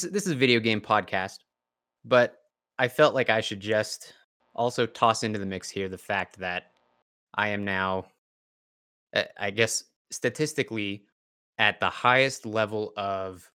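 A tired man, slightly hoarse from yelling, hosting a podcast in casual chat. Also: lowish voice. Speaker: podcast host.

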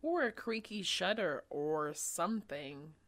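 A woman's voice: on the low side, lively intonation, slow pace, fairly bright tone. A woman doing a frightened young girl. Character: scared young girl investigating a haunted house. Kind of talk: reading a storybook aloud.

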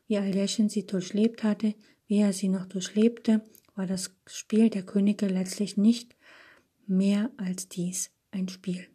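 A woman reading a story aloud in a soft, half-whispered way. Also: medium pitch, slightly rough. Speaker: audiobook reader. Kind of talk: scripted narration.

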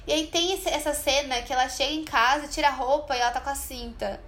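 A woman's voice: sits high, steady tone, quick pace, fairly bright tone. A young woman co-hosting a casual chat, talking loosely with many fillers and acting out bits of dialogue. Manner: chatty, many fillers, acts out quoted dialogue. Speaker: podcast co-host. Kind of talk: casual chat, recommending a film.

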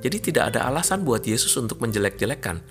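A man preaching a sermon in a calm, measured, explanatory way to his congregation. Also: mid-range voice, over music.

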